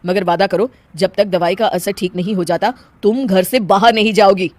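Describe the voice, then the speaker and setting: A woman's voice: medium pitch, steady tone, moderate pace, darkish tone, no room sound, close to an everyday voice. A woman voicing a young husband who speaks firmly. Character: young husband, calm and worried.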